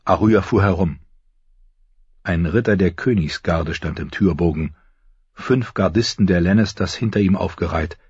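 A man narrating an audiobook in an expressive reading style. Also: sits low, normal speed, slightly rough, dry recording. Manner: expressive reading, shifting into voices. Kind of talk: scripted narration. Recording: dull lo-fi recording.

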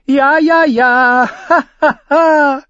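A man's voice: deep voice, level tone, moderate pace, darkish tone, husky, dry recording, dull audio. A man reading an audiobook, voicing a sing-song, giggling male court fool. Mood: crazed sing-song.

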